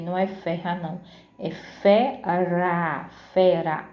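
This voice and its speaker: Lady teacher going thru syllables real slow, kinda echoey muffled room. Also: medium pitch. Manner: slow, careful syllable-by-syllable explanations with frequent "certo?". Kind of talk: grammar lesson to pupils.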